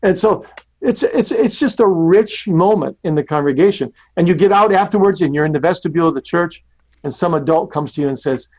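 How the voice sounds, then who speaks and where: A man's voice: a little high, expressive, brisk, a little mellow, lo-fi sound. A man in his sixties or older, a pastor being interviewed. He tells illustrations earnestly and often repeats his words. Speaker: pastor and guest. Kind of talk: interview with storytelling.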